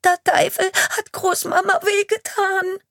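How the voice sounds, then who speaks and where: A terrified little girl of about five, crying out in shrill, wailing sobs. Her words come out broken by panic and tears, in a dry, close audiobook sound. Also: completely flat delivery, unhurried, a bit bright, no echo. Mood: sobbing. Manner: high wailing cries, broken sobbing words.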